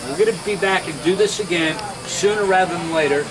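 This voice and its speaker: A man's voice: sits high, fast talker, a crowd in the background. A man hosting live with casual, chatty banter, often repeating short phrases. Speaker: host. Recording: very noisy outdoor setting with hiss.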